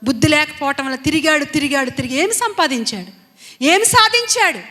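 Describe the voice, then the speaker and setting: A woman's voice: high-pitched, animated, fairly quick, bright, forceful tone. A woman preaching a Sunday sermon, speaking emphatically, repeating her phrases and asking the congregation rhetorical questions. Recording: long hall reverb.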